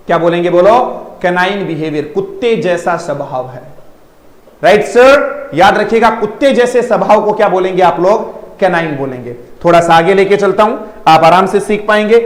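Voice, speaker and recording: High-voiced male teacher, echoey room. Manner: repeats words drill-style, coaxing students. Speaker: English teacher. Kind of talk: online vocabulary lesson.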